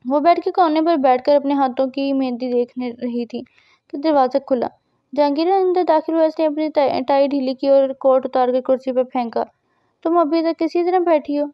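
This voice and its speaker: High-voiced woman narrating a novel. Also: dry recording. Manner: steady storytelling reading. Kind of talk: scripted narration of a romance novel. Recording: dull dry recording.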